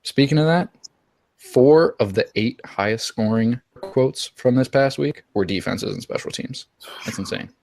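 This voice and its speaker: A man's voice: mid-range voice, measured pace, gravelly, a little mellow, slight background noise. A young man hosting a fantasy football podcast, gloating and trash-talking his friends in theatrical, boastful banter. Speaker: podcast host.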